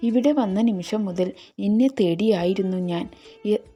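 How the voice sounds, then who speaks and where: A woman's voice: mid-range voice, normal speed, warm tone, husky, soft background music, natural voice. A woman voicing an ardent young man who insists on his love in a storybook reading, speaking tenderly and firmly. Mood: ardent, insistent.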